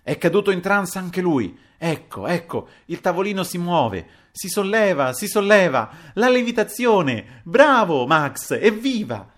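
A man reading aloud and voicing an excitable older man who leads a séance with eager, exclamatory speech. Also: medium pitch, moderate pace. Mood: ecstatic.

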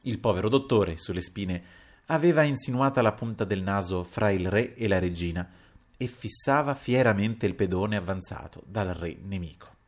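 A man narrating a classic novel as an audiobook, measured and expressive. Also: on the low side.

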